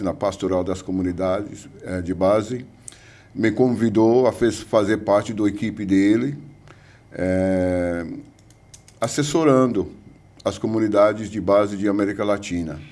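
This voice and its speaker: A man's voice: deep voice, steady tone, slow, mellow. An older man from the United States with an American English accent, a guest professor speaking hesitantly with many fillers in an interview. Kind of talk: interview conversation.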